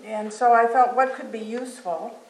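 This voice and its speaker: A Venezuelan woman appears as a guest and tells her life story in a rambling, anecdotal manner. Her voice is a little high and moderately paced, recorded in an echoey hall with faint noise.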